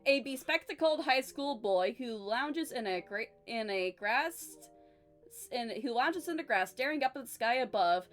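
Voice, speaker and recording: A woman's voice: a little high, expressive, measured pace, faint music behind. A young woman hosting a stream, chatting casually and reading a book aloud, stumbling over hard words. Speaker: streamer and host.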